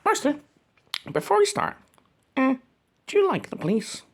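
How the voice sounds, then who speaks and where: A woman with a high, light voice playing a fawning servant in comic back-and-forth. She sounds eager and childlike, deferential on the surface but slyly teasing. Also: wildly swooping pitch, moderate pace. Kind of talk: comic banter.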